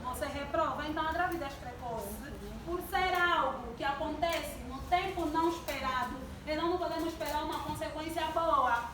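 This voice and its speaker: Speaking at a moderate pace, a church youth speaker in her twenties addresses a congregation in a high voice, posing questions and inviting replies. The recording is distant, with hall echo and room noise.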